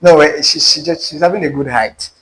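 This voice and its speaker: A little fast and a little high, this Nigerian-accented man tells a personal dating story as an interview guest, acting out the quoted dialogue with lots of animation. A little hiss or hum is audible.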